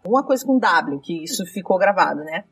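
A woman's voice: lowish voice, fairly quick, husky, recorded from a distance, soft background music. A woman, telling a dramatic story from her rideshare driving in casual chat. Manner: lively, dramatic retelling with quoted dialogue.

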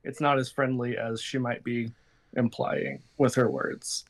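A man's voice: medium pitch, little pitch movement, measured pace. A man narrating a tabletop role-playing game as game master, talking casually with players.

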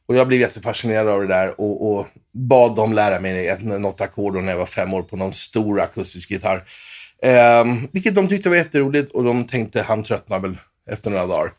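A man's voice: on the low side, darkish tone. A man in his fifties from Sweden, a guitarist telling stories in an interview with many restarts and fillers. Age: 50s. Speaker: guitarist guest. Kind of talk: storytelling interview.

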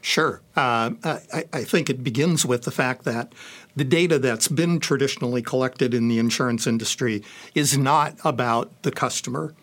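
A man's voice: medium pitch, normal speed, a bit bright. A man speaking as a panelist in a discussion, hesitant, with many fillers and restarts. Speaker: panelist on insurance analytics.

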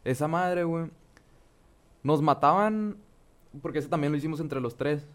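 A man's voice: a little high, normal speed. A young man with a northern Mexican accent co-hosting a casual video game chat, slangy and full of swearing. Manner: slangy, profane. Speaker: podcast co-host.

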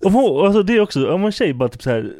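A man's voice: high-pitched, big pitch swings, warm tone. A man co-hosting a podcast in crude casual chat, blunt and swearing a lot, laughing often. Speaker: podcast co-host.

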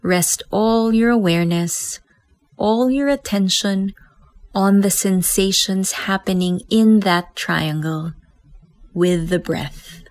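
Leading a guided meditation, this female teacher has a Filipino accent and a mid-range voice. Her delivery is calm and gentle with leisurely pauses, captured in a dry recording.

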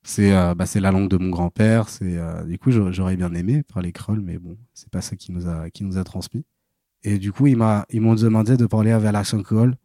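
Young man in his 20s, low voice, dry close mic, hesitant chatty storyteller. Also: fairly even intonation, a little fast, dark tone, dry recording. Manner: hesitant, full of fillers and restarts. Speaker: podcast guest. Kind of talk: casual interview storytelling.

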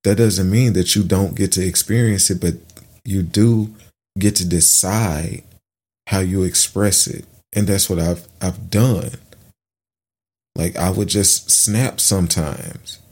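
Deep voiced middle aged guy talking slow and thoughtful to his listeners, lots of ums and restarts. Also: steady tone, a little mellow. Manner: earnest, thoughtful, halting with fillers and restarts. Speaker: podcast host. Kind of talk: reflective personal monologue.

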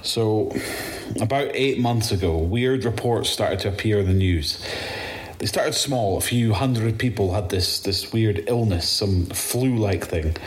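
In an audio drama, a Scottish-accented man plays a zombie-apocalypse survivor who is weary and rattled, recording his testimony haltingly and with swearing. His voice sits on the low side and is only lightly acted. The mood is weary and bitter.

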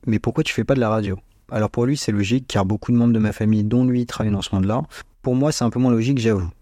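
A man's voice: mid-range voice, dark tone, no echo, studio quality. A young man of about twenty hosting a podcast, delivering a scripted but chatty monologue with informal slang, recorded on a small microphone in a bedroom. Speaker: podcast host. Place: small bedroom at parents' home, dry sound. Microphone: small home microphone.

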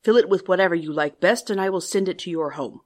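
A woman voicing a loud, stern beast. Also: fairly low pitch, quick pace, close to an everyday voice. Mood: commanding. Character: fearsome male beast, proud and blunt.

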